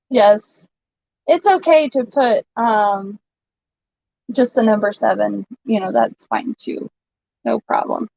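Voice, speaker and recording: Woman, live sale host, slow relaxed talk, fairly high voice, giggly, dull lo-fi dry sound. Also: gravelly, no room sound. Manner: chatty, giggly, laughs often. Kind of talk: casual live-stream selling chat. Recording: dull lo-fi stream audio.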